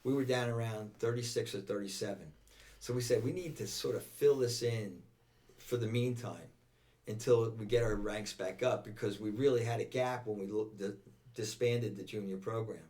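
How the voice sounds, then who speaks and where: The mic sits at a distance from this older man, whose mellow voice is on the low side, steady in tone and moderate in pace. He has an American accent and, as a veteran volunteer firefighter being interviewed, reminisces in a relaxed way, often going back over and rephrasing his words.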